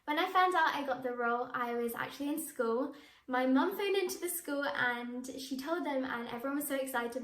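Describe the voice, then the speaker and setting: A teenage actress with a high, fairly bright voice answers interview questions to camera. She comes across bubbly and enthusiastic, with frequent laughs, and the room is echoey.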